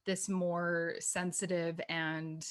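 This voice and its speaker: Podcast host: woman, mid-twenties, lower register, sincere and chatty. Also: little pitch movement, slow pace. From Canada. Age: 20s. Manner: earnest, many "like" fillers. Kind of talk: casual chat.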